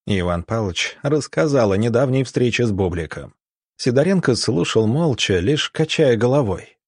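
A man narrating an audiobook in a steady, even storytelling manner. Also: mid-range voice, normal speed, husky, no room sound, clean studio sound. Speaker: audiobook reader.

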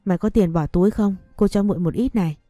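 A woman's voice: medium pitch, fast, warm tone, dry recording, studio quality, soft background music, close to an everyday voice. A woman voicing a motherly older market vendor in an audio story, speaking with fussing affection. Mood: caring.

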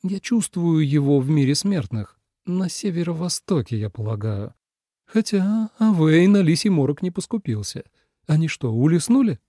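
A man reading an audiobook voices a young female celestial fox healer who speaks gently and apologetically. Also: a little high, sing-song, moderate pace, no echo, studio quality, voice pushed up. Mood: gentle.

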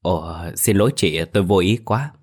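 Male narrator playing a kind young cab driver, low voice, earnest. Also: animated, moderate pace, darkish tone. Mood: concerned. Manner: earnest, concerned, stammering when scared.

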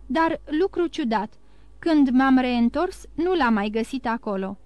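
A woman's voice: high voice, no room sound, muffled recording. A woman doing a breathless, overjoyed young woman. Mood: explaining. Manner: excited, breathless exclamations.

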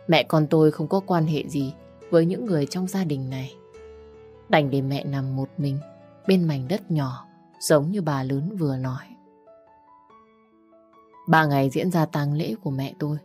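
A woman reading a first-person story aloud in a soft, sorrowful way. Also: sits low.

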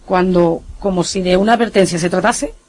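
A woman, a guest investigator on a radio show, calmly explaining recordings. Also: fairly low pitch, brisk, a little hiss or hum. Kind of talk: radio interview.

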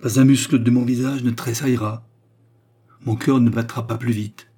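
A man reading the part of a nobleman torn between rage and icy calm, in an intense, declamatory way. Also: mid-range voice, normal speed, husky, voice pushed up. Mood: raging vow. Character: enraged cold-blooded male nobleman.

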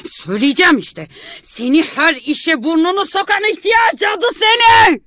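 A woman voicing a furious middle-aged male painter who shouts and shrieks in a storybook reading. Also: a little slow, no room sound, heavily acted. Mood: enraged. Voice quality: shrill yelling.

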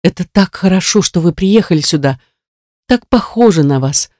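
Reader playing anxious grieving mother, tearful, pleading, mellow dark tone, dry close sound, storybook. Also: medium pitch, expressive, normal speed, no echo, natural voice. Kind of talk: audiobook character reading.

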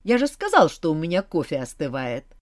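A woman voicing a sardonic male demon who teases in a dry, mocking way, speaking with lively pitch. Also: fairly quick, dry recording.

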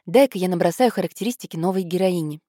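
A woman's voice: on the low side, warm tone, dry recording, clean studio sound, lightly acted. A woman voicing a bossy, decisive teenage girl who writes plays, in an audiobook. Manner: brisk, decisive. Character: teenage girl Harriet, bossy aspiring playwright.

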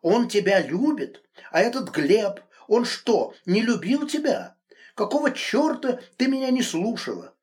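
A man's voice: sing-song, measured pace. A man voicing a furious, controlling married man. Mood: shouting. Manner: shouting accusations, then hissing low threats. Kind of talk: audiobook reading.

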